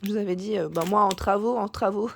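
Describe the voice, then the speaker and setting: A woman vlogger chatting casually through a shopping haul, full of fillers and restarts, her voice cracking and hoarse at times. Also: mid-range voice, steady tone, fast, slight background noise. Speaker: YouTube vlogger.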